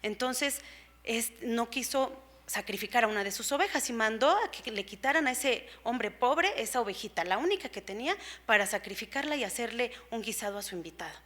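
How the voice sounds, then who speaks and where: A woman preacher voicing an ancient prophet who tells a story calmly, in a conversational, step-by-step way. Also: on the high side, a little fast. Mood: measured.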